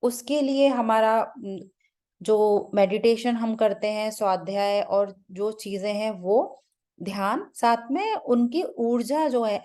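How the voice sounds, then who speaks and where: A woman's voice: medium pitch, mellow. A woman speaking as a meditation teacher in a spiritual talk, searching for her words with many restarts and mixing in English terms. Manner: loose, searching, with frequent restarts and fillers.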